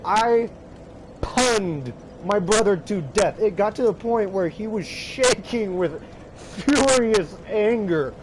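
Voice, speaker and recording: A man casually telling an anecdote about his games, animated, swearing freely and breaking into laughter. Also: high voice, slow pace, noisy background. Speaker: gaming storyteller.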